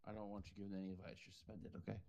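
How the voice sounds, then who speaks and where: Calm low-voiced judge, a man. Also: very fast, gravelly. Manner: calm, patient, repeats "hold on" to keep order. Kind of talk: courtroom role-play in a game.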